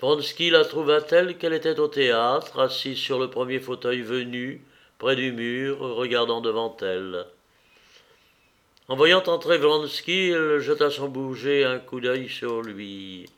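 Slow, measured male novel narrator. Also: mid-range voice, a bit bright. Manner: measured and deliberate. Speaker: audiobook narrator.

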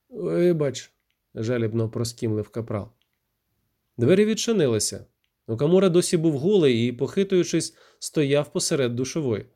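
A man narrating a first-person audiobook in a steady, measured way. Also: mid-range voice.

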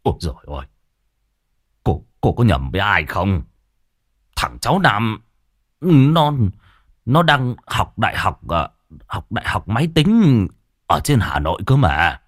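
A man's voice: lowish voice, big pitch swings, measured pace, pauses often, dry recording, studio quality. A man voicing a grumpy, half-deaf old village man in a storytelling reading, grumbling in disbelief. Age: older. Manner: grumbling, incredulous, cursing.

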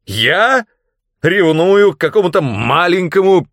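A man's voice: fairly low pitch, lively intonation, moderate pace, dry recording, lightly acted. Man voicing a blustering scaly demon mentor. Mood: indignant. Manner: blustering, explosive outbursts. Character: grumpy scaly green male demon mentor. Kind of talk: audiobook character reading.

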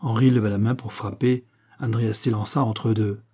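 Husky, mellow male audiobook narrator. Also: fairly low pitch, steady tone, moderate pace. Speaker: audiobook reader. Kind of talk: classic novel narration.

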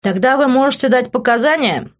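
A woman's voice: sits high, fairly quick, muffled recording, pitched above the performer's own voice, lightly acted. A woman reading an audiobook, voicing a polite, formal male police officer.

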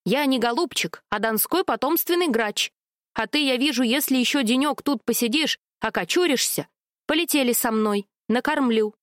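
A woman's voice: sits high, moderate pace, no echo, close to an everyday voice. A proud, plain-spoken male rook in a children's story, voiced by a woman. He is blunt and bossy yet helpful. The sound is close and dry. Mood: brusque.

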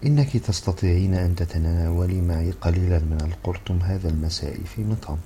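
Guy reading an excitable young man in love, deep dark voice, pleading. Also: fast talker, a little hiss or hum, natural voice. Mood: eager pleading. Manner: eager, pleading. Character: earnest lovestruck young Egyptian man, excitable.

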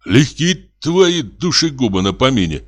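A man voicing a bold, impatient male hunter in an audiobook, gruff and commanding. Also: mid-range voice, very animated, unhurried, pitched above the performer's own voice. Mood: tense. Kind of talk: audiobook reading.

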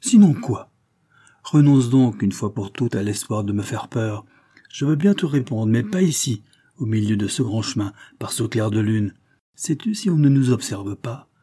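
A man's voice: medium pitch, expressive, normal speed, dark tone, close to an everyday voice. A man reading aloud and voicing a provocative, mocking young male swindler in a storybook. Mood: taunting. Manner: provocative, taunting, cool.

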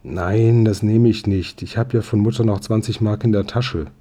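A man's voice: lowish voice, fairly even intonation, moderate pace, dark tone, husky. A man voicing a polite, earnest young boy in a storybook reading.

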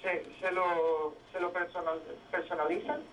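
A man's voice: fairly high pitch, level tone, measured pace, a bit bright. A man answering a phone call and talking casually. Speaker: person receiving a prank call. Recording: distant, noisy phone line.

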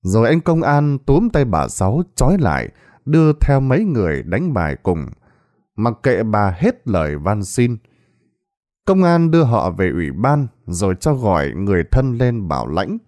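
A male storyteller reading a scripted tale with a very animated melody. His voice is dark and mellow, with a medium pitch. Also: moderate pace, no echo. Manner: lively storytelling with many acted voices. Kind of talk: scripted narration.

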